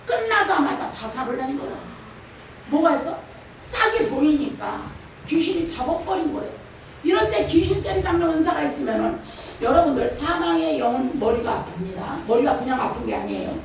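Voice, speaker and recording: A woman pastor with a Chungcheong Korean accent preaches a revival sermon, her high voice rough with gravel. She presses her points with rhetorical questions. The sound is heavily echoey and distant, as if picked up from across a church hall. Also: big pitch swings, normal speed. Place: church or prayer house hall. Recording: echoey hall, far from the mic, faint noise.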